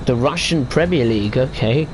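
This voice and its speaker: While streaming a train simulator, a man chats casually and drifts onto football tables as he drives. His medium-pitched voice moves at a normal speed over some background noise.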